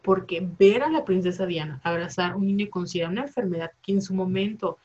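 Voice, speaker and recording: A woman in her twenties with a Mexican Spanish accent rambles through a casual chat, packed with slang and fillers. Her voice is on the low side and brisk with a darkish tone, and the audio sounds dull.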